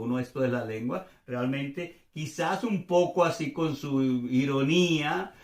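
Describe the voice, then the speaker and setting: A man's voice: mid-range voice, roomy sound. A man in his sixties from Venezuela gives a casual, rambling Spanish grammar lesson full of chatty, self-deprecating asides. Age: 60s. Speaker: Spanish teacher.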